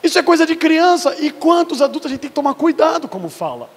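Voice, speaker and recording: High-voiced preacher in a reverberant church. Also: male voice, big pitch swings, quick pace. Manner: preaching with rising intensity, varied pitch. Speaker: pastor. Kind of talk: sermon. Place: church hall. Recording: husky voice in a reverberant church hall.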